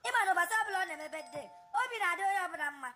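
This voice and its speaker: A man with a West African, Nigerian accent voicing an excitable, scolding family man in a comic cartoon dub, mixing in English phrases. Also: extremely high pitch, rapid-fire, loud music behind the voice. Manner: exclamatory, mixes in English phrases.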